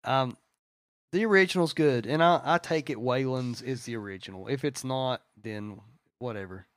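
A man co-hosts a casual music podcast, gushing and rambling with plenty of fillers. His voice sits at an everyday middle pitch, and the sound is close and dry with no room in it. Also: moderate pace, no echo. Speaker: podcast co-host.

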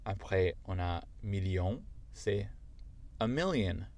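A man's voice: deep voice, animated, slow pace, darkish tone. A man whose first language is English, speaking French with an American accent, patiently teaching a language lesson step by step.

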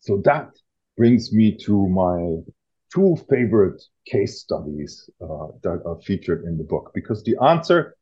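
A man talks with eager enthusiasm as the guest author. His voice is mellow and a bit husky. The audio is dull and lo-fi. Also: low-pitched, big pitch swings, measured pace. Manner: explanatory, enthusiastic. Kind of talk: casual interview talk.

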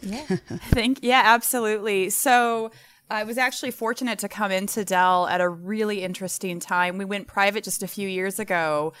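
A woman's voice: mid-range voice, steady tone, normal speed, a bit bright, clear, resonant tone, dry recording. A woman guest in an interview, talking with enthusiasm in long, loose explanations with plenty of fillers. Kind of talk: podcast interview answers.

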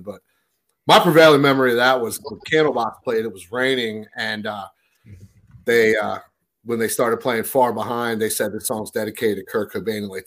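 Rambling man swapping concert stories. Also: mid-range voice. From Maryland, USA. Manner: rambling, filler-heavy storytelling. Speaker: podcast co-host. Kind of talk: casual chat.

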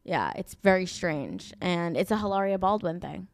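A woman hosts a podcast in loose, casual chat. She teases her co-host and swears freely. Her voice is smooth and resonant, recorded dry and close. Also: fairly low pitch, lively intonation, moderate pace, dry recording. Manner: joking, teasing, swears freely. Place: vacation rental.

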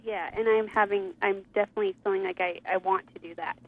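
A woman's voice: medium pitch, fairly even intonation, quick pace. A woman calling in to a radio show over a phone line, talking in a hesitant, earnest way. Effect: heard over a phone line. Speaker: caller. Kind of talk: call-in radio chat.

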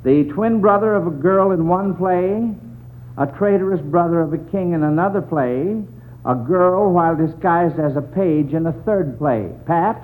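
Casting: male American quizmaster for vintage radio, high voice, folksy classroom patter, narrow-band noisy recording. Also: moderate pace. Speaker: quiz show host. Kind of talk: 1940s radio quiz hosting, reading questions and chatting. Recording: tinny old radio broadcast with noise.

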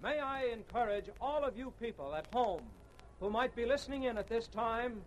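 A very high-pitched American man declaims like a grand master of ceremonies of 1940s radio. He addresses people in an outdoor city square in a ceremonial manner. The old broadcast recording carries faint noise. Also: lively intonation, moderate pace, poor audio. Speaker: song leader and master of ceremonies.

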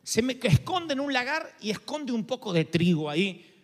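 A male preacher delivers a lively sermon with a high voice, and his pitch swings widely as he tells the story. He acts out each quote, and his words ring with a long reverb that fills a large hall. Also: moderate pace. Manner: animated storytelling, acting out quotes.

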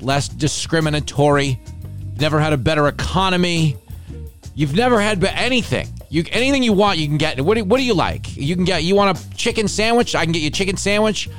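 A middle-aged man hosting a podcast, delivering a casual comedic monologue as an animated, sardonic rant. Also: fairly high pitch. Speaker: podcast host.

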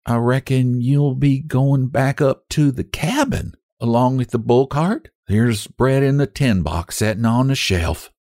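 A man voicing a shy, stubborn young mountain wife who speaks in a plain hill-country drawl, proud and quietly pleading, in a storybook reading. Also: medium pitch, a little slow, hardly any pauses, dry recording, clean studio sound, voice pushed up, close to an everyday voice.

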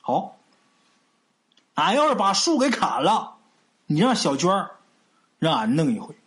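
A man's voice: sits high, very animated, measured pace, fairly bright tone, heavily acted. A man voicing a brash, cocky young village man with a sly, taunting drawl.

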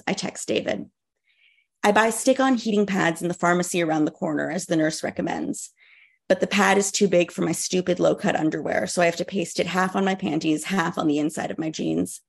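A woman novelist reading aloud from her own book in a measured, dry, wry way. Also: on the low side, creaky. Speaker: novelist guest.

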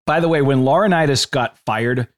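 A man's voice: mid-range voice, normal speed. A man co-hosting a podcast, talking in an opinionated, analytical way in casual chat. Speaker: podcast co-host.

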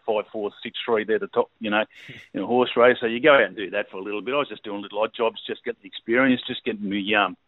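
Fast-talking Australian man on a phone line. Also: on the low side, dry recording. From New South Wales, Australia. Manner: laid-back rambling storyteller, many fillers. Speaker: race caller, guest. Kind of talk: casual interview. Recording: tinny phone line, dry.

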